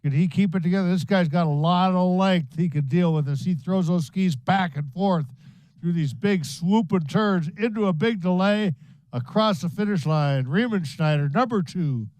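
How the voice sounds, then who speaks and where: A man's voice: high-pitched, moderate pace, a little mellow, dry recording, poor audio. A man giving playful color commentary on a ski race, joking with his co-announcer. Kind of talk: live sports commentary.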